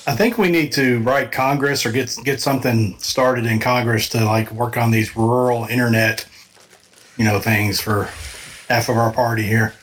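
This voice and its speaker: A man's voice: mid-range voice, fairly even intonation, normal speed, a bit bright. A man chatting casually as a player at a tabletop game, joking and talkative. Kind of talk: casual chat.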